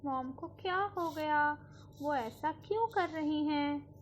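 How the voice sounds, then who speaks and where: Lady doing a high squeaky little girl, whiny and stubborn, begs her mom in a storybook tale. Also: slow, a little hiss or hum. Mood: puzzled. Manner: whiny, pleading child voice. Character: stubborn little girl who refuses everything.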